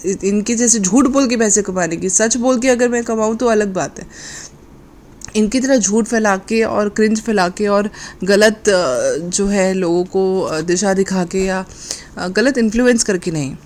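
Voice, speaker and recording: A woman's voice: mid-range voice, measured pace, darkish tone. A woman talking in a sarcastic, mocking commentary vlog, slipping English phrases into her speech. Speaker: commentary vlogger.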